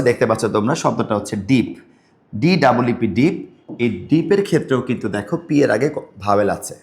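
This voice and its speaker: A man with a Bangladeshi accent explaining grammar to students in a patient lesson, repeating key words slowly. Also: mid-range voice, darkish tone. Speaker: English grammar teacher.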